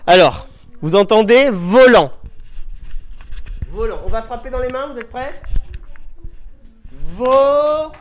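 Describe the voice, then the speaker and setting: A man teaching young children in a classroom, speaking slowly and patiently through a face mask and sounding out letters. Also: high voice, animated. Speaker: primary school teacher. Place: school classroom. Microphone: handheld mic held by a pupil.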